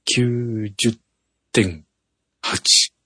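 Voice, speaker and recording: A man's voice: mid-range voice, steady tone, very slow, bright, forceful tone, breathy edge, dry recording. A man casually reading out his diet results on a chat podcast, laughing at himself, with a light lilt. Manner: reads out numbers with little drumroll cues, laughs at himself.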